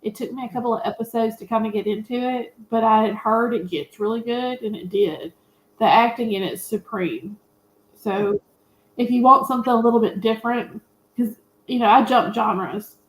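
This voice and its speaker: A panelist on a movie review show talks casually and emphatically about films and series, clearly opinionated. Her voice is a little high and moderately paced, and the recording sounds roomy and echoey.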